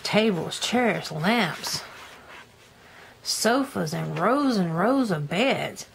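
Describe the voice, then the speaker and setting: A woman's voice: mid-range voice, animated, extremely slow, vocal fry, breathy edge. An older woman with a grandmotherly, folksy manner reads a children's story aloud and chats to the listener in homely asides. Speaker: storybook reader, a granny. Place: indoors, book held in front of camera. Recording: noticeable room noise.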